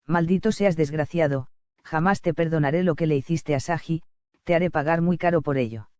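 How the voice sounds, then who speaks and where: A woman's voice: deep voice, normal speed, darkish tone, no echo, close to an everyday voice. A woman voicing a young, loyal demon girl in a fan story. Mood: vengeful. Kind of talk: fan story character acting.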